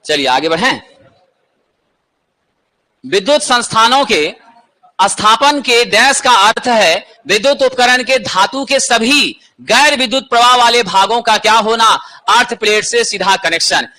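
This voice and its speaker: A man's voice: extremely high pitch, expressive, a little slow, pushed and bright. A man teaching an exam-prep lesson, asking questions and answering them himself.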